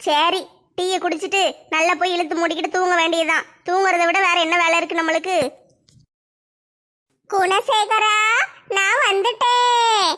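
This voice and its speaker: A woman acting a complaining young wife in a comic home skit, chattering in an animated way. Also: extremely high pitch, quick pace. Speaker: comedy skit creator.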